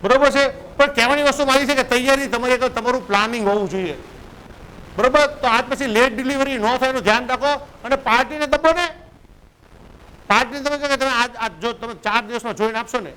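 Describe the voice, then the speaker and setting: A man's voice: extremely high pitch, fast, pushed and bright, clean tone, poor audio. A man, giving a business coach's lecture and often asking his listeners "right?". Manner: conversational, keeps asking "right?" to check in.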